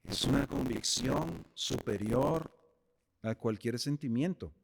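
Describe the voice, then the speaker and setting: A man's voice: medium pitch, takes it slowly, gravelly, breathy edge. A man preaching a sermon as pastor, speaking directly to the congregation.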